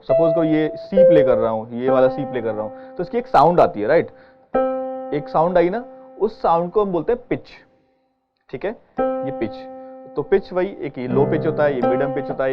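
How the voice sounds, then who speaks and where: Patient keyboard teacher, man. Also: fairly high pitch. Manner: patient, explaining step by step with frequent check-ins. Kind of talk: online music lesson. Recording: dull lo-fi sound with keyboard playing behind.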